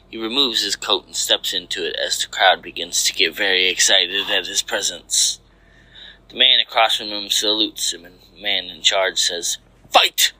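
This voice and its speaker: A man narrates scripted action fan fiction aloud as a storyteller. His lowish voice is pushed and bright, with no room sound, though the recording quality is low.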